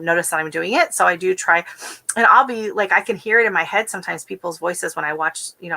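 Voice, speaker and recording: On her gardening live stream, an American host from Texas chats in a voice on the low side, pushed and bright. Her talk is rambling and casual, heavy with filler words.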